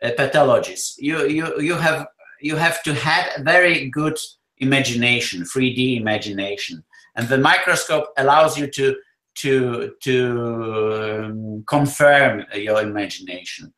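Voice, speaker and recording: A man's voice: mid-range voice, unhurried, bright, forceful tone. A man with a Polish accent answering as a neurosurgeon in an interview, searching for words and repeating phrases. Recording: roomy, echoey sound.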